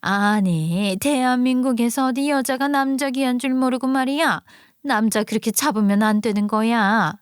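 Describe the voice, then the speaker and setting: A woman's voice: a little high, fairly even intonation, normal speed, clean tone, dry recording, natural voice. A woman voicing an overbearing older prospective mother-in-law who nags and talks down in an audio story drama, with dry close sound. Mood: condescending. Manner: nagging, condescending, exclamatory scolding.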